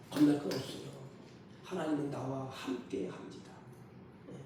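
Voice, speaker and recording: A man's voice: fairly high pitch, vocal fry, a little mellow, a little hiss or hum. A male pastor preaching a sermon, emphatic, often putting questions to his congregation. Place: church sanctuary. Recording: echoey hall from far off.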